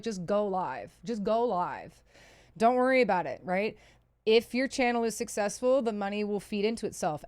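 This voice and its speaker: Her voice is mid-range and smooth, recorded with no room sound. Seated at a PC indoors, she answers questions from her livestream chat in a casual, frank, self-mocking and sweary way.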